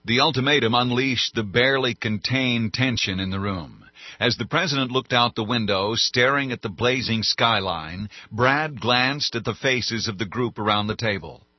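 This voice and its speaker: A man narrating an audiobook in a measured, even reading. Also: medium pitch, no room sound. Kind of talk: scripted narration. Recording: dull, dry studio sound.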